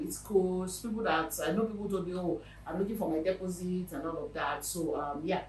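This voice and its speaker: A woman's voice: medium pitch, reverberant, recorded from a distance, poor audio. A Nigerian woman hosting a real estate show, talking casually to her viewers with emphatic repetition. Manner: lively and chatty, with emphatic repetition.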